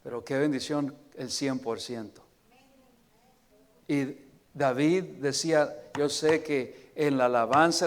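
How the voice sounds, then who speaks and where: Slow-preaching pastor in a reverberant church. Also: male voice, on the high side. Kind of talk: sermon. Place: church sanctuary. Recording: long reverb of a church hall.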